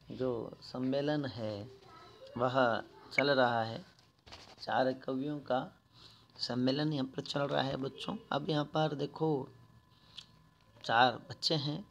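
Slow, gravelly male teacher. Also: medium pitch, a little hiss or hum. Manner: patient, explains word by word; reads verses slowly and louder. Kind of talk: school lesson explaining a textbook page.

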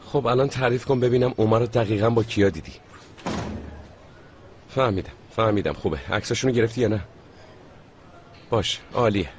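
A man's voice: lowish voice, pauses often, slight background noise, lightly acted. A man voicing a suspicious young man who keeps meddling, in a dubbed TV drama, insistent and persuading. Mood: businesslike. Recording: dubbed dialogue over loud score music.

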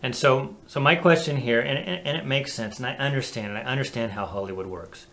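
A man co-hosting a casual talk show, animated and chatty, laughing easily. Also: medium pitch, brisk. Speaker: co-host. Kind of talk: casual chat.

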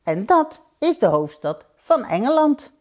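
A woman voicing an eager little boy in a children's storybook reading. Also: measured pace. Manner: eager, high-pitched and lively.

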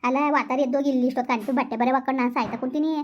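Woman as a fiery village wife, rapid high scolding, lo-fi sound. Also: steady tone. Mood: furious. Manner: cursing, scolding tirades. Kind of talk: comic village skit. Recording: dull lo-fi audio.

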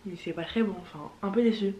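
Teen French girl, casual vlogger, slangy and playful, mid-pitched voice. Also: fast talker, mellow, a little hiss or hum. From France. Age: teens. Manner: chatty, slangy, playful asides. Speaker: YouTuber. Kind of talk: casual vlog talk to camera. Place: home, in front of a fireplace.

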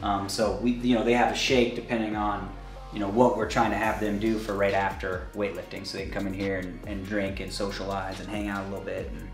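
A man's voice: fairly low pitch, little pitch movement, faint music behind. A man, a college wrestling coach, giving a casual tour of his facility and filling his talk with "you know" and "um". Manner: rambling, fills every pause with "you know" and "um".

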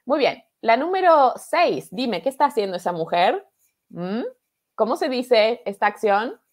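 A woman's voice: a little high, big pitch swings, a little slow. A woman from Argentina with an Argentine accent, teaching a live online Spanish class in a patient, encouraging way that keeps checking in with the viewers. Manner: patient, encouraging, repeats and asks "¿verdad?". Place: home studio, live stream.

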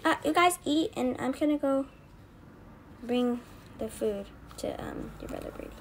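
High, lively voice narrating doll play. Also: female voice, moderate pace, noisy background. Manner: rambling, shrugging things off with "whatever". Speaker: video creator.

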